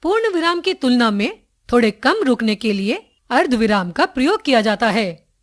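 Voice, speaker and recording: A woman reading a grammar lesson aloud in a slow, deliberate, scripted way with careful pauses. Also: a little high, big pitch swings. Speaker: textbook narrator.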